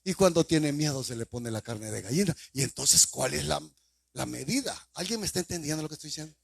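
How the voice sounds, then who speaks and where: A male pastor with a Salvadoran accent preaches, hammering the congregation with rhetorical questions and breaking into sudden loud bursts. His fairly high voice swings widely in pitch. The sound is close and dry, with no room echo. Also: expressive, fairly quick, gravelly, husky. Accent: Salvadoran Spanish. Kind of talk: sermon.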